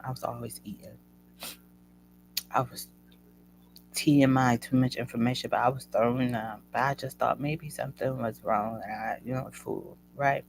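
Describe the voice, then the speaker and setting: Gravelly-voiced woman telling a personal story. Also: very deep voice, steady tone, moderate pace, a little hiss or hum, rough recording. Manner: chatty, addresses listeners as "y'all". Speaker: host. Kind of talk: casual personal storytelling to an audience.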